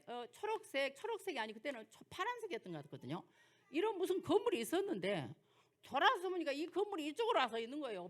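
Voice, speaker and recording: An older woman pastor with a Jeolla accent, preaching through folksy personal stories and rhetorical questions. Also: high voice. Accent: Jeolla dialect. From Jeolla, South Korea. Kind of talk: sermon lecture with personal stories.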